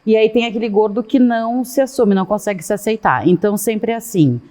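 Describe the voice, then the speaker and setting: A middle-aged woman, a guest in a casual interview, talking at length and in an animated way with many asides. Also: medium pitch, fast talker. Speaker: guest, fashion consultant.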